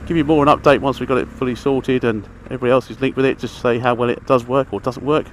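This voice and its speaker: A fast talker with a mid-range voice and steady tone, the motorcycle vlogger runs through a casual, meandering gear chat as he rides. Outdoor noise, traffic and the engine are all audible through his helmet mic.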